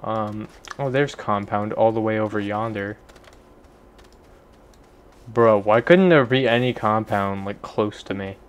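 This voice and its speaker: A man's voice: fairly low pitch, measured pace, pauses often, clear, resonant tone. A young man giving casual, rambling gameplay commentary, self-deprecating and swearing offhandedly. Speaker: gaming video creator.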